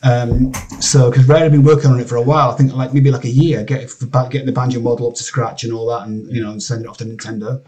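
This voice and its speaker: A Scottish man, a game composer, chatting in an interview, excitable and rambling with many restarts. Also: medium pitch, fast, few pauses. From Scotland. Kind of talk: casual interview chat. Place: home studio area, lives in LA.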